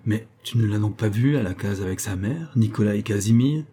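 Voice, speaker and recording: A man's voice: fairly low pitch, fairly quick, warm tone, breathy edge. A man playing a resolute exiled father who talks in a firm, commanding way.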